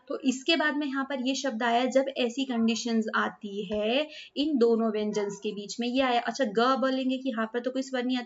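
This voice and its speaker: A woman teaching Hindi grammar, mixing in English words and checking often whether it is clear. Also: a little high, highs cut off. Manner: checks understanding with repeated "clear?" and "ठीक है". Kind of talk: classroom explanation.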